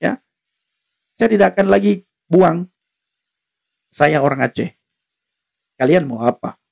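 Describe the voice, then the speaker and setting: A man's voice: a little high, expressive, slow pace, vocal fry. A man preaching defiantly on a live stream, repeating himself and laughing now and then.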